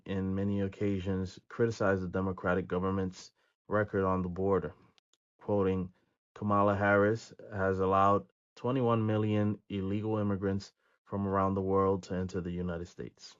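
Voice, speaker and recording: A man with a fairly low voice hosts his own video channel. He reads figures and gives his views in a measured way, often pausing on fillers. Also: fairly even intonation, muffled recording. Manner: measured reading with frequent filler pauses. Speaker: video host. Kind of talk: reaction commentary, reading statistics.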